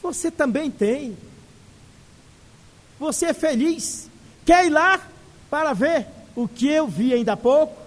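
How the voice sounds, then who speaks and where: A man's voice: very high voice, expressive, takes it slowly, pauses often, long reverb tail, voice pushed up, heavily acted. A man voicing a cheerful, tender elderly woman who consoles a young stranger on a bus. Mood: cheerful, consoling. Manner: warm, consoling, playful.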